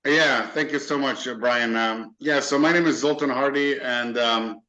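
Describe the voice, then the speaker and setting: A man's voice: medium pitch, normal speed, bright, forceful tone. A man, a guest in a casual interview, talking earnestly with many fillers and restarts. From Hungary. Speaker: interview guest, business owner. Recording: dull lo-fi sound.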